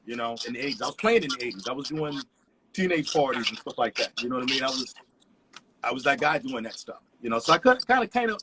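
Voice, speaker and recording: A resident DJ chats as a guest over video, telling stories in an easygoing, rambling manner packed with "you know" fillers. He has a mid-range voice, and there's noise in the background of this casual interview.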